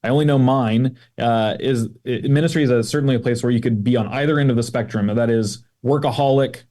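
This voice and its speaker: A man's voice: medium pitch, steady tone, fairly quick, dark tone. A man who is a pastor, a guest on a podcast, chatting in a loose, easygoing way. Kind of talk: casual conversation.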